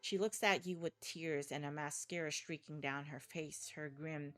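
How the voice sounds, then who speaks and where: A woman's voice: low voice, steady tone, normal speed, fairly bright tone, soft background music. Woman dramatically reading a game aloud. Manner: dramatic reading with stumbles and blunt reactions. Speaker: streamer. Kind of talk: reading a text game aloud on a live stream.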